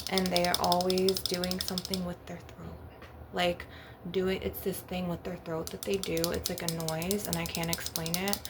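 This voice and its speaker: A woman with a gravelly, fairly low voice hosts an ASMR channel, rambling casually with repeated tag questions and frequent swearing. Crystal and glass are tapped in the background, and the recording is noisy with clicks and taps.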